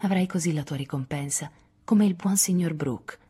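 A woman's voice: low voice, normal speed, breathy edge. A woman reading as a motherly teenage girl. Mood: earnest. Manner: gentle, earnest.

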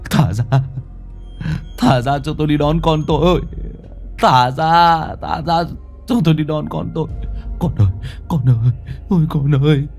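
A man's voice: a little high, very fast, few pauses, a little mellow, soft background music, voice pushed up, lightly acted. A man voicing a grief-crazed young father who raves and repeats frantic cries. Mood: frantic raving.

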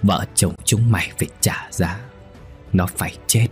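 A man's voice: low voice, unhurried, soft background music. A man voicing the vengeful ghost of a woman in a spoken ghost story, taunting and gleeful. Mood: gloating.

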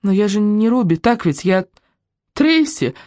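A woman's voice: mid-range voice, expressive, normal speed, a little mellow, no room sound, pitched above the performer's own voice, lightly acted. A woman reading as a tearful desperate young woman. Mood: tearful, pleading. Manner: pleading, tearful.

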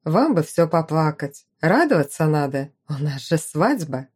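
Woman reading a duke father, fond, dry teasing manner, mellow warm tone, storybook. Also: deep voice, big pitch swings, measured pace, husky, pitched below the performer's own voice, heavily acted.

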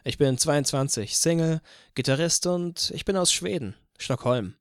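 A man's voice: fairly high pitch, unhurried, no room sound, clean studio sound, pitched above the performer's own voice. A man voicing a casual, upbeat young male guitarist in his twenties introducing himself. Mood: breezy. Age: 20s.

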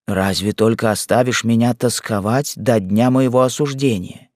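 A man's voice: a little mellow, no room sound, studio quality, lightly acted. A man reading a despairing tender husband. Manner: low, slow, tender delivery. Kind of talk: audiobook character reading.

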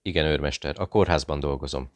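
A man reading a calm, courteous fake doctor. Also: rumbling low, no room sound. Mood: polite. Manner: courteous, smooth, conversational. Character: calm, polite British man posing as a doctor. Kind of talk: audiobook dialogue.

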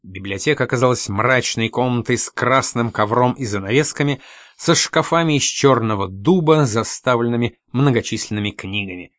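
A man's voice: medium pitch, moderate pace, fairly bright tone, no room sound. Man reading an audiobook, dry sound. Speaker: audiobook narrator. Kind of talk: scripted narration.

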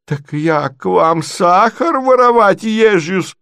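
A man's voice: high voice, expressive, takes it slowly, gravelly, a bit bright, clear, resonant tone, dry recording, clean studio sound, pitched above the performer's own voice, full character voice. A man voicing a quarrelsome provincial lady who squabbles shrilly and indignantly.

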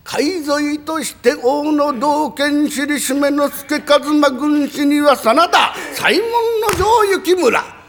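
Man playing a storyteller figure, slow declaiming chant, very high voice, rough gravel. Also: expressive, a bit bright, exaggerated voice. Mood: grand declaiming. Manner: slow, drawn-out chanting recitation. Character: pompous male storyteller declaiming a battle tale. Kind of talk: rakugo performance.

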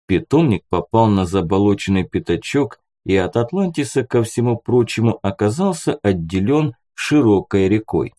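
A man's voice: on the low side, lively intonation, normal speed, few pauses, mellow. A man reading an audiobook aloud, narrating and voicing the characters' dialogue by raising his voice. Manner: lifts his voice for other characters' lines.

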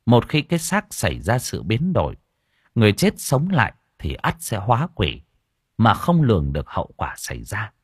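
A man's voice: lowish voice, moderate pace, husky, dry recording. A man narrating a horror folk tale as an audiobook storyteller, close to the mic. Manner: expressive storytelling.

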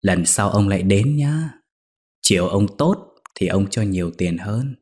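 A man voicing a lecherous, domineering old village chief who talks low, coaxing and commanding. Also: animated, a little slow, darkish tone.

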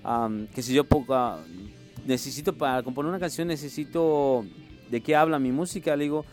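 A middle-aged man from Mexico City with a capital-city Mexican accent, a musician and music instructor speaking earnestly in a radio interview, halting with many fillers and restarts. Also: mid-range voice, a little mellow. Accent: Mexico City Spanish.

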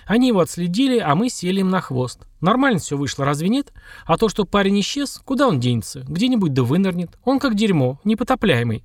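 Man voicing a wry young woman agent, raised pitch, sardonic, audiobook. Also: big pitch swings, fairly quick, no room sound, full character voice. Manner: dry, sardonic, matter-of-fact.

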